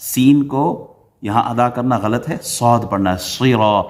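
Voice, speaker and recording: A man teaches prayer recitation in a middle-pitched voice. He rattles off corrections, sets the wrong and right pronunciations side by side, and drops in English teaching terms. Then he slows into a melodic chant for each verse. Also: darkish tone. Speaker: Islamic teacher.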